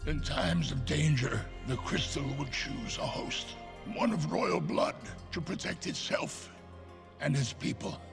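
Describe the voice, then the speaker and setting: A solemn old king, speaking gravely with a deeply gravelly voice over a film score. The slow, weighty lines suit an animated film. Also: over music.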